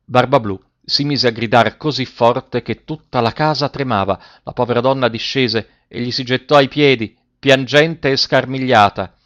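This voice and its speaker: A man narrates a fairy tale in a measured, expressive way, as in a storybook reading. His voice is mid-range, and the recording sounds dry and slightly muffled.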